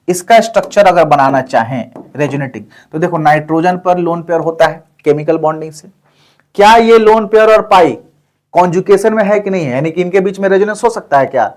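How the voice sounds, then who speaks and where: Male chemistry tutor, high voice, patient and repetitive, keeps checking in with students. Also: brisk, a little mellow. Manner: repetitive, checks in with listeners often. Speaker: chemistry teacher. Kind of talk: explaining on a whiteboard.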